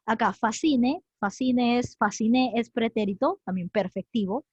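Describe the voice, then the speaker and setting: Woman teacher, online lesson, animated questioning, muffled dry mic. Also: on the high side, a little slow, slightly rough, no echo. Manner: animated, quizzes students by name and repeats conjugations aloud. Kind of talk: online class lecture. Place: home online class.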